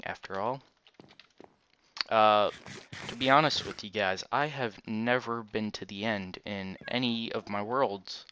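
A man with a low, clean voice gives casual Let's Play commentary with a retainer in his mouth. He rambles slowly and corrects himself as he goes. The recording is slightly dull and lo-fi. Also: a bit bright, slight background noise. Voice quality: slight retainer-affected speech. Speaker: gaming video host. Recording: dull, lo-fi microphone.

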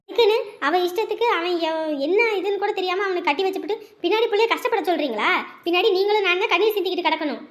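A woman's voice: very high-pitched, fast talker. A woman acting a stern, distrustful mother in a family drama, scolding as she talks. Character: stern scheming middle-aged mother, suspicious.

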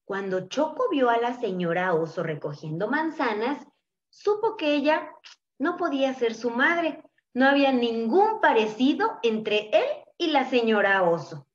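A woman with a Mexican accent reading a children's story aloud, slowly and expressively, stopping to ask the children questions. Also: on the high side, sing-song, muffled recording.

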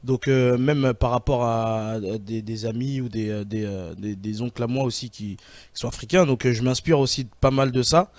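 A comedian talking casually about where his sketches come from, often pausing and searching for words. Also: mid-range voice, steady tone, a little mellow, no echo. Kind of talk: casual interview.

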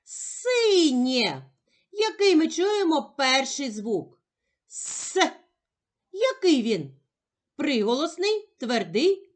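A woman teacher with a Ukrainian accent, giving a slow, clearly enunciated phonics lesson to young children in a gentle, sing-song manner. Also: high voice.

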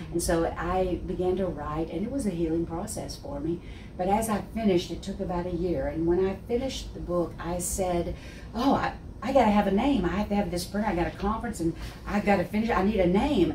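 Her voice lowish and her Texan accent thick, a sixty-something woman from Texas appears as a guest speaker, telling her faith story with sweeping gestures and plenty of laughter. The wood-panelled office set has armchairs, and the animated testimony is captured with a roomy, distant sound and faint hiss.

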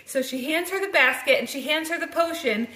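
A woman playfully telling a made-up story to a small child, animated and laughing often. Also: sits high, brisk. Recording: echoey room.

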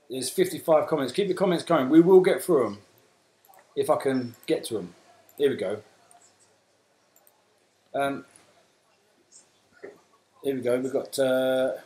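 A man's voice: mid-range voice, darkish tone, roomy sound, poor audio. A man with a South London accent hosting a casual live Q&A, chatting and reading out viewer comments. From England. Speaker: host.

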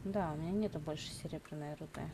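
A woman's voice: deep voice, fast, noisy background. A young adult woman giving casual, playful live gaming commentary, half talking to herself and repeating words. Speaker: game streamer. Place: indoor room at a computer.

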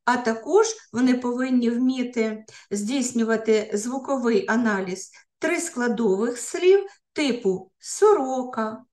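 A woman, an education researcher, lecturing teachers, pausing often on filler sounds and restarting words. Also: high-pitched, a little mellow. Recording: roomy echo.

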